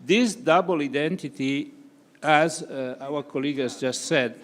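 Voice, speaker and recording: A man's voice: a little high, unhurried, in a large hall. A man from Italy with a Piedmontese accent, a comparative law professor answering on a panel with many hesitations. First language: Italian. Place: conference hall.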